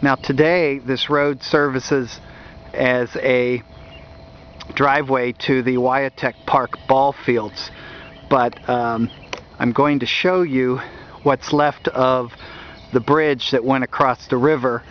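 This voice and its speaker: A man narrating a walking tour outdoors along a wooded riverbank, talking in a halting way with many fillers, recorded on a handheld camera mic. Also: medium pitch, steady tone, a little hiss or hum. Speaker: history video host. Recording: dull lo-fi outdoor audio.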